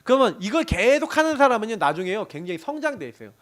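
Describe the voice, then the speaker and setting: A middle-aged male pastor preaching with a high voice. His pitch swings widely as he tells a lively story from his own work, laughing as he goes and acting out what others said. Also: fast. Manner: animated storytelling with laughs and acted quotes. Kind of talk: sermon to a young adults group.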